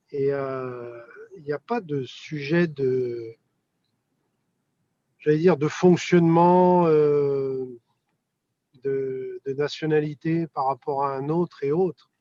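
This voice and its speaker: A man's voice: fairly high pitch, takes it slowly, long pauses, no room sound, muffled recording. A man taking part in a discussion over a video call, speaking hesitantly with many fillers and restarts. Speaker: conference participant on a video call. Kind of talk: casual discussion. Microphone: video call connection.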